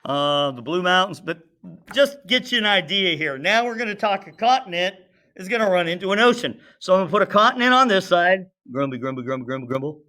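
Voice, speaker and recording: A man's voice: sits high, lively intonation, fairly quick, sharp tone. A male teacher giving a casual classroom science lesson, drawing as he explains and asking students questions. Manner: chatty, asks students questions, talks to himself while drawing.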